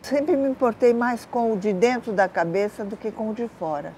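An older woman, an author born in Africa to an Italian family, giving lively and thoughtful interview answers outdoors in a garden. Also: a little high, moderate pace, slight background noise. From born in Africa, of Italian culture, living in Brazil. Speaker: guest, writer.

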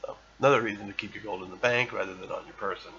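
A man's voice: fairly low pitch, steady tone, racing, bright, forceful tone, muffled recording, slight background noise. A man hosting a podcast, chatting casually as he plays an old online game, reading its text aloud with playful bravado. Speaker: podcast host. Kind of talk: casual gameplay commentary.

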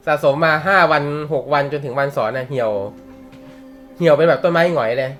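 In a casual live class, a young man with a fairly high, fairly bright voice teaches manga at normal speed. He jokes around, chats freely, laughs a lot, and drops slang and swear words.

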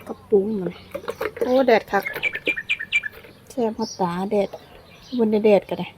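Lao woman vlogger, easygoing cook-along chat, mid-pitched, laughs a lot, outdoors on camera. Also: measured pace, background noise. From Laos. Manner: chatty, laughs often while talking. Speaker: cooking vlogger. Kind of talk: casual cooking vlog chat. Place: outdoors in sunshine. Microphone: camera filmed by her niece.

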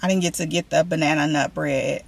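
A woman's voice: deep voice, steady tone, a little fast, creaky. A woman, chatting casually to viewers from a parked car, rambling and calling them y'all. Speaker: vlogger. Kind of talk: casual vlog chat. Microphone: camera on dashboard.

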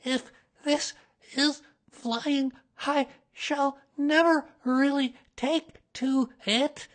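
A storybook reader voicing a small, anxious male piglet, squeaky and jerky, trying to sound brave and indignant. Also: fairly even intonation, drawn-out words. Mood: jerky, alarmed.

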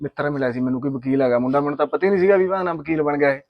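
An actor playing a hot-headed young village man with a Punjabi accent, ranting in a rapid, indignant rush. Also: a little high, fairly even intonation, no echo, dull audio, lightly acted. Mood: scheming. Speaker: young heir of a farming family. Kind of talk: village drama acting.

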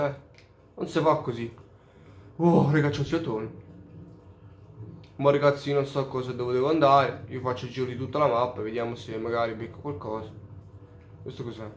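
A man's voice: medium pitch, a little hiss or hum. A man giving casual let's play commentary, swearing freely and openly baffled by the game. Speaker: gamer. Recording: roomy echo.

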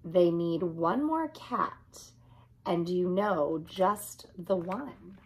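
A woman's voice: on the low side, very slow, a little mellow, husky, exaggerated voice. A woman voicing a big, boastful, cheerful storybook cat with a showy, emphatic manner. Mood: reassuring, confident. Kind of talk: storybook character reading.

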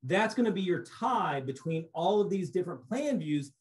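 A middle-aged man giving a relaxed recorded slideshow lecture on cave surveying over a webcam, explaining casually with frequent restarts. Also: high-pitched, moderate pace. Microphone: webcam on a video call.

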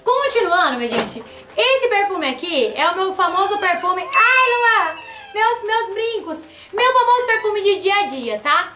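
A woman's voice: very high-pitched, sing-song, moderate pace, noisy background. A young woman vlogger, chatty and playful, talking to her viewers while opening gifts at home. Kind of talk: casual gift-opening vlog. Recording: echoey room with music.

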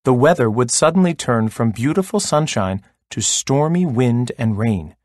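A man reading a folk tale aloud as a storyteller, slow and expressive. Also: mid-range voice, dry recording, studio quality.

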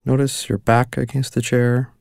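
A man narrating a guided mindfulness meditation as the guide, giving calm, gentle, unhurried instructions with long pauses between phrases. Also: medium pitch, gravelly, no room sound, studio quality.

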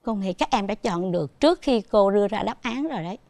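A woman's voice: medium pitch, expressive, fast, gravelly, mellow, no room sound. A woman with a Southern Vietnamese accent teaching a televised primary school math lesson, patiently asking her pupils questions as she goes.

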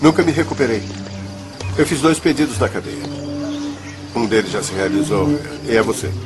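An actor playing a weary, regretful middle-aged ex-convict boxing trainer in a Brazilian dubbed film drama. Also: male voice, mid-range voice, animated, normal speed, close to an everyday voice. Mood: somber. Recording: film soundtrack with music behind.

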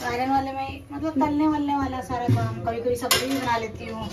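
A woman's voice: sits high, little pitch movement, brisk, a loud crowd. A woman chatting at home with family, coaxing her children and talking about her cooking. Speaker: sister, hosting relatives. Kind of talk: casual family chat. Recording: loud music behind.

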